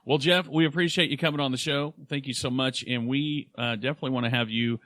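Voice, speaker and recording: A man's voice: medium pitch, fairly even intonation, fast talker, a bit bright, no echo, studio quality. A man from Oklahoma hosting a podcast, talking in a casual, playful and rambling way. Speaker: podcast host. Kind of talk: casual chat.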